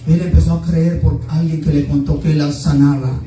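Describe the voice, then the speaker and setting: A man's voice: on the high side, flat delivery, normal speed, mellow. A man preaching a sermon with fervent, repetitive exhortation. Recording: echoey room, distant mic, faint music.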